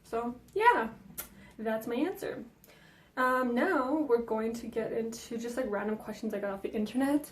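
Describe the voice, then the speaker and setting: A young Danish woman, whose first language is Danish, answers viewer questions in a chatty vlog, peppering her speech with ums and likes. Her voice is a little high and her pace moderate, and the room sounds echoey.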